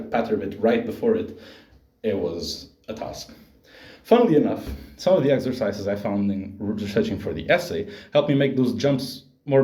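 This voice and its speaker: A man's voice: fairly low pitch, mellow. Young man presenting in a roomy space. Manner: explanatory, with fillers and self-corrections. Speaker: voice student presenting. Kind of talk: spoken presentation. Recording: roomy echo.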